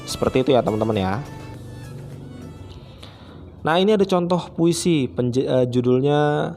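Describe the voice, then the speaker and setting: A man's voice: medium pitch, expressive, normal speed, darkish tone, soft background music. A man who is a primary school teacher, giving a friendly, chatty online lesson to children and often starting phrases with a filler.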